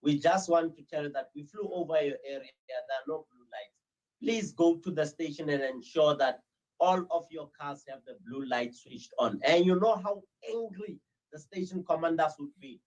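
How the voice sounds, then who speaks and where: A South African man answers interview questions in a somewhat raised pitch. He tells his stories steadily but pauses often on "uh" as he searches for words. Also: highs cut off. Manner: hesitant, many "uh"s, steady storytelling. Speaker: interview guest, crime-prevention ambassador.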